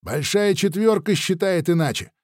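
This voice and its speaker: A man's voice: high voice, animated, normal speed, no echo, clean studio sound, pitched above the performer's own voice. A man voicing a brash young companion. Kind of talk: audiobook character voice.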